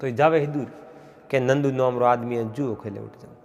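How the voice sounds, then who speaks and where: A man with a Marwari accent telling a traditional folk tale in a rhythmic, repetitive way, pausing often. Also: medium pitch, fairly even intonation, a little mellow, in a large hall, dull audio. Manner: repetitive, rhythmic telling with frequent pauses and fillers. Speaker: folk storyteller.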